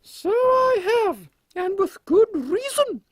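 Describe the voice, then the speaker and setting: A man's voice: very high voice, sing-song, takes it slowly, no room sound, pitched above the performer's own voice, exaggerated voice. A man voicing an imperious, drily witty Queen Victoria with a British accent, regal and condescending, in a steampunk audio comedy. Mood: conspiratorial, commanding. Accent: British English.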